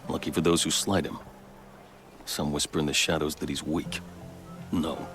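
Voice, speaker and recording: An actor playing a proud, measured male captain and veteran soldier. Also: a bass voice, steady tone, a bit bright, soft background music. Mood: proud steady.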